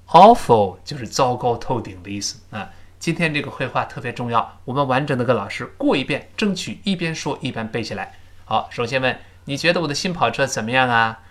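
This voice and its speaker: Male language teacher with a lively, swooping delivery who reads model phrases slowly for listeners to repeat. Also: medium pitch. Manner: explains, then reads English phrases slowly for repetition. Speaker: English teacher. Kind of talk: recorded language lesson.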